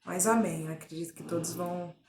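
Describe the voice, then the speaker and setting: A woman with a Brazilian Portuguese accent giving a personal faith testimony at home, telling her story earnestly and deliberately with frequent tag fillers. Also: on the low side, steady tone. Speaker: testimony giver. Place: at home, indoors. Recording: echoey home room. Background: faint drill noise.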